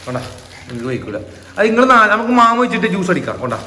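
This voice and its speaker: A man's voice: high voice, big pitch swings, racing, sharp tone. A young father, playfully coaxing his children in a casual family vlog. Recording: echoey room with background noise.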